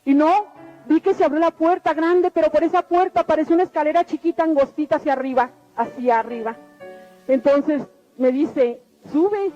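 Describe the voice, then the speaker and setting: A woman's voice: high voice, steady tone, a little fast, warm tone. A middle-aged woman tells her religious testimony in an earnest, repetitive storytelling way. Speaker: testimony speaker. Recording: dull lo-fi radio recording with faint music.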